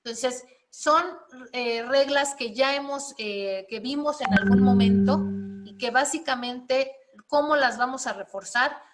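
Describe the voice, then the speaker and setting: Faint music plays behind a woman's high-pitched voice as she teaches spelling and writing at a measured pace. Her style is explanatory and step by step, with frequent questions to check in on her students.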